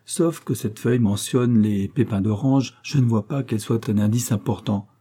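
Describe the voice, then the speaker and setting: Guy reading as a scared young gent, anxious and plaintive, dark husky tone. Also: on the low side, moderate pace. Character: desperate young gentleman pursued by fate.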